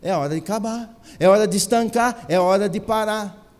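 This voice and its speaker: Speaking with a Brazilian Portuguese accent, a male pastor preaches at a moderate pace in a notably high voice. He drives his points home emphatically through repeated phrases and rhetorical questions. A long reverb, like that of a large church hall, surrounds his words.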